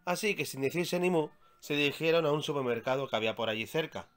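A man from Spain reading aloud his own children's story, with measured, expressive storytelling. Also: on the high side.

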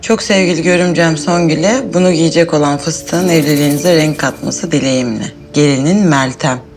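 An actress playing an excitable, quick-tempered pregnant housewife who talks to herself a lot. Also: female voice, low-pitched, soft background music. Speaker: pregnant wife. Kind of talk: TV drama acting.

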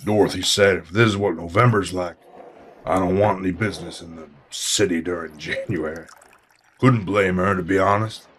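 In an audio drama framed as a casual interview, an actor with a low, fairly bright voice and fairly even intonation plays a portly, genial, grandfatherly traveler in his seventies. He chats in a folksy, rambling way at normal speed, with a little hiss or hum in the background.

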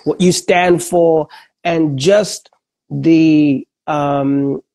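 Middle-aged male podcast host, slightly high voice, friendly, casual, video call. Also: steady tone, drawn-out words, a little mellow. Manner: friendly, encouraging, lots of "bro" and "you know". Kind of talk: casual interview chat. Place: indoor room at home.

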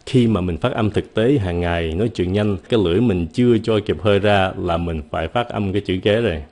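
Man, pronunciation teacher, low warm voice, patient, repeats words slowly. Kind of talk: casual spoken lesson.

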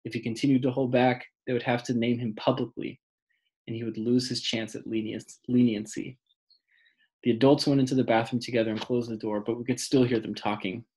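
A man narrating an audiobook in a measured, plain reading. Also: mid-range voice, little pitch movement, darkish tone, breathy edge.

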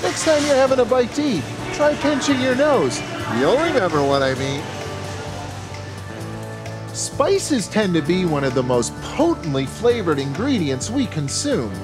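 A high, sing-song voice belongs to a cooking show host in his forties, who speaks unhurriedly and playfully to camera. The scripted show is set in a home kitchen and a grocery store, with music running beneath.

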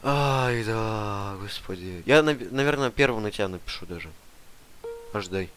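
Over game audio, noise, and car sounds, a young man voices a detainee on an online roleplay server, pushing back in character with a demanding, mock-official attitude. His voice is on the low side and a bit bright, with lively intonation at a moderate pace.

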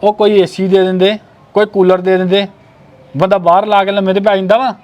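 Brief: high-pitched man, sharp and demanding, family short-film acting. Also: level tone, fairly quick, muffled recording. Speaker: angry brother-in-law.

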